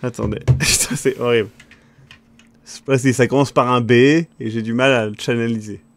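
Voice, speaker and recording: A man running a live tabletop game, flustered and swearing, asking others to be quiet while he thinks. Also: medium pitch, steady tone, normal speed, a little hiss or hum. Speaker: game master. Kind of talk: casual live-stream game chat.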